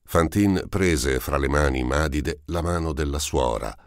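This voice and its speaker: A man with a very deep voice reads a classic novel aloud in a measured, expressive way. He is on a close mic, and the sound is dry. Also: no echo. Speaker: audiobook narrator. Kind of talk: scripted literary narration.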